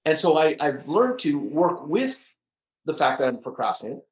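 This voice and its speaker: A middle-aged podcast guest talks earnestly in a casual interview chat, frequently repeating words and laughing at himself. His voice runs on the high side with big pitch swings at a moderate pace, and the audio is dull.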